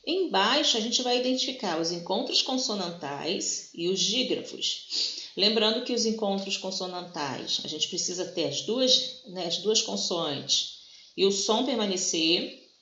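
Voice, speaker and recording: A woman's voice: medium pitch, animated, measured pace, pushed and bright. A woman teacher, patiently walking students through a grammar lesson and often checking they follow. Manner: patient, explanatory, keeps checking in with "tá?". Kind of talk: recorded grammar lesson walkthrough. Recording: echoey room, dull lo-fi sound.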